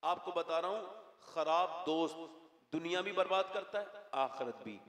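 A man with a high, carrying voice delivers an emotional sermon to a large gathering. He pleads softly, then rises to loud cries and asks the crowd questions directly. The sound has a long, echoing reverb. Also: lively intonation. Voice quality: emotional, builds from soft pleading to loud crying-out. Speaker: preacher. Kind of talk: impassioned religious sermon. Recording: echoey hall with long reverb.

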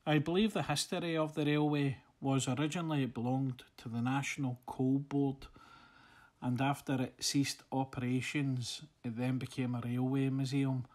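Relaxed male photographer narrating. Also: mid-range voice, moderate pace. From Scotland. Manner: relaxed, friendly, slightly hesitant. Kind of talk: casual voice-over narration. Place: voice-over, not recorded on site.

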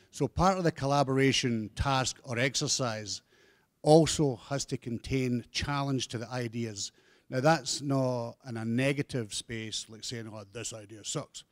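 A man's voice: medium pitch, a little mellow, no room sound. A man from the audience explaining a point plainly. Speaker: audience member. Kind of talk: comment from the audience.

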